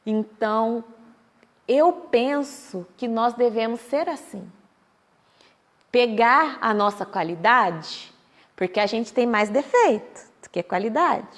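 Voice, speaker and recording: A woman's voice: fairly high pitch, lively intonation, slow. A Brazilian woman giving a public talk at a Spiritist center, telling a story and acting out what other people say. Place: meeting hall of a Spiritist center. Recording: echoey hall.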